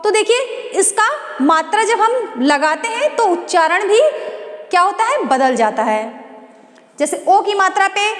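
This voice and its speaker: High-voiced teacher in an echoey room. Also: female voice. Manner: asks questions and answers them herself; slow, drawn-out sounding of syllables. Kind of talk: Hindi alphabet lesson. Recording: echoey room with long reverb.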